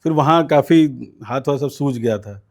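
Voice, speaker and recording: Here a man with a mid-range voice speaks at a moderate pace. He's a student politician guest in an interview, chatting through a long story with frequent fillers and voices he quotes.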